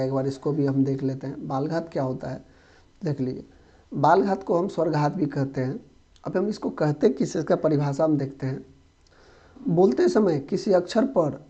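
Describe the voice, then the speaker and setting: A young man teaches an exam-prep grammar lesson in a loose, conversational way, keeping his explanation moving with frequent checks on whether the students follow. His voice sits a bit high and sounds mellow and soft-edged. The recording is dull and lo-fi. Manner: conversational, checks understanding often.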